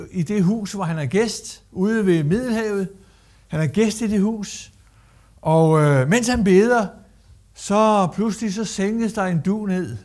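A man's voice: high voice, a little mellow. A man preaching a sermon as a guest speaker, emphatic, repeating phrases and acting out quotes.

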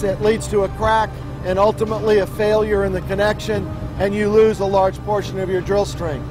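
A middle-aged man explains drilling equipment in a technical, informative way. His voice sits on the high side, with music clearly playing behind it. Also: low-quality recording. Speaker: drilling operations expert giving a tour.

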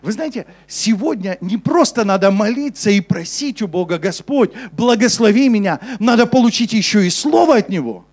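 A young man preaching a sermon on a church stage with a handheld mic, switching between emphatic urgency and a soft, low delivery. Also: expressive, normal speed, hardly any pauses. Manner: preaching with rising intensity, then dropping soft and low for scripture. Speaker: pastor. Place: church stage before a congregation.

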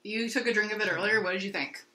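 A woman's voice: mid-range voice, fast talker, pushed and bright. A young woman chatting casually in a home kitchen, easygoing and agreeable, often murmuring along. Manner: easygoing, agreeable, fills with "mm-hmm". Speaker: vlog co-host. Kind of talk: casual chat.

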